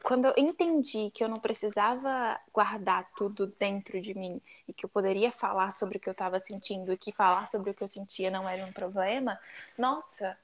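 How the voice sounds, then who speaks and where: A woman's voice: medium pitch, brisk. Thoughtful Brazilian woman, slightly muffled recording. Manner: thoughtful, personal, with repeated phrases for emphasis. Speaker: podcast co-host. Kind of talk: casual, reflective podcast chat.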